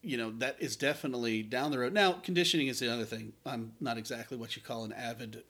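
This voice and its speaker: A man with a mid-range voice co-hosts a relaxed golf podcast. He teases his partner, laughs a lot and makes bold calls with easy confidence. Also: medium pitch, fast. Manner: laughs often, teasing, bold predictions. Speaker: podcast co-host. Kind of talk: casual sports chat.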